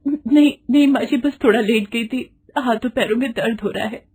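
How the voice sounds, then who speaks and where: A scared young bride, voiced by a woman narrator, speaking in a raised, husky voice. She pleads and stammers meekly, always close to tears. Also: on the high side, unhurried, pitched above the performer's own voice. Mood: timid. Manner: timid, pleading, tearful. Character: meek, frightened young daughter-in-law.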